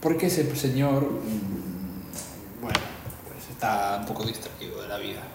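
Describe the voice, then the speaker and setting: A man's voice: fairly low pitch, unhurried, creaky. Young man in a very echoey room. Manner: storytelling, joking, with laughs. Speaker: podcast co-host. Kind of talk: casual chat. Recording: very echoey room, faint background hiss.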